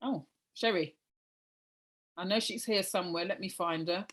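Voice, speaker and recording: A woman's voice: fairly low pitch, moderate pace, a bit bright. A woman over fifty hosting an online event, speaking informally as she presents and introduces on a video call. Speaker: event host.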